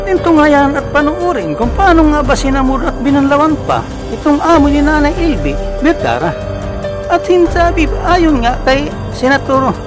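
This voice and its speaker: A woman hosting a news commentary vlog, chatty and addressing her viewers directly. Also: high voice. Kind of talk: casual news commentary narration.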